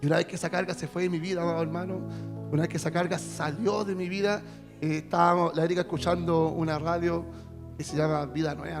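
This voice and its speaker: Man, chilean accent, high voice, preaching a heartfelt testimony, long church echo, music underneath. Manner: emotional, repetitive, addresses listeners as brother. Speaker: minister. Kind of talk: testimony sermon. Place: church hall.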